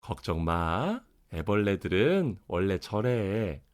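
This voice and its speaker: Man voicing a slow, low, carefully enunciating storybook mother. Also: very animated, full character voice. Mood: calm, reassuring. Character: calm, reassuring animal mother, unbothered and patient.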